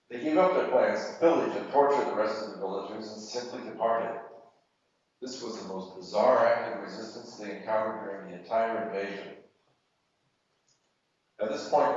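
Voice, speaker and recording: A man reads fiction aloud at a literary event, measured and deliberate, pausing between phrases. His voice sits at an ordinary middle pitch. It comes from far off the mic, dulled and muffled, in a strongly echoing university hall. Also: slight background noise.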